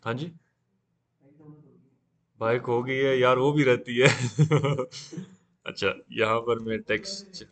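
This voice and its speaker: A man teaching a live beginner class on 3D software, talking casually and often saying "okay" while he works. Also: mid-range voice, steady tone, a little slow, long pauses. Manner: casual, repeats "theek hai" often. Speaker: 3D software instructor.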